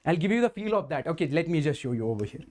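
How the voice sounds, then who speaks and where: A man's voice: a little high, sing-song, very fast, a little mellow. A male physics teacher, giving an exam-prep lecture and checking in often with students. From India. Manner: addresses students directly, keeps asking "understand?"; voices the students' replies as "Sir, ...".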